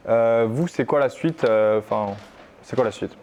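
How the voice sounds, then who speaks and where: A man's voice: medium pitch, moderate pace, a little mellow. A man interviewing a rap group, asking questions in a casual, slightly hesitant way.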